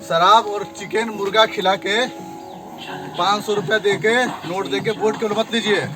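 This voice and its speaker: A man's voice: high-pitched, steady tone, unhurried. A man from Bihar, chatting encouragingly as he hikes outdoors up a hill path, slightly out of breath. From Bihar, India. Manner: chatty, encouraging, talks while hiking uphill. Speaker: trekking vlogger. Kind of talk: casual chat while trekking. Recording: music playing underneath.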